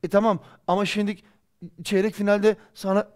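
A football pundit in his forties gives heated post-match commentary from a studio, ranting with impassioned, rhetorical scolding. His high voice is clear and resonant, with little pitch movement, at a normal speed.

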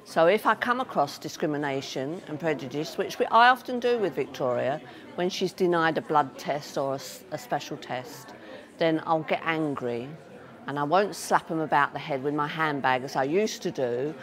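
A woman's voice: deep voice, normal speed, fairly bright tone. An older woman and family carer, speaking frankly and with determination into a lapel mic in a conference hall. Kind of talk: vox pop interview.

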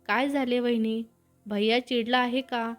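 A woman's voice: on the high side, fairly even intonation, a little slow, soft background music, natural voice. A woman voicing an easygoing young man in a storybook reading. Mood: friendly. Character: friendly young man, brother's friend.

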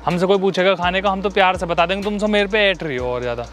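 A man's voice: high-pitched, fast talker, a bit bright, soft background music. A young man staging a street prank, arguing with a woman and then coaxing her into a ride. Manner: argumentative, pleading then coaxing. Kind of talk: staged street prank argument.

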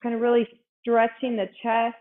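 A woman's voice: fairly high pitch, completely flat delivery, moderate pace, phone-quality sound. A woman fitness instructor coaching a workout, out of breath, upbeat and encouraging as she counts reps aloud.

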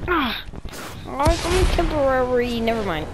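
Gamer woman, high lively voice, talks to herself, noisy game capture. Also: moderate pace. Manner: excitable, exclaims and talks to herself. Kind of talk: casual gameplay commentary.

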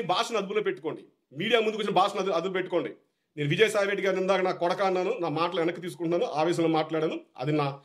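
A man with a Telugu accent, a political party supporter, giving a heated, repetitive, scolding rant. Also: sits high.

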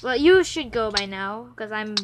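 A woman's voice: fairly high pitch, lively intonation, normal speed. A woman joining a casual gaming session, playful and melodramatic, teasing herself as she plays. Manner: playful, melodramatic, self-mocking. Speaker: let's-play guest. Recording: loud background noise and clicks.

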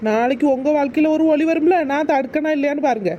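Brief: a woman playing a scheming cartoon village woman, high voice, sarcastic muttering. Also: fast talker, muffled recording, noisy background, lightly acted. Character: sly grumbling village woman, scheming and spiteful. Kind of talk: cartoon voice acting.

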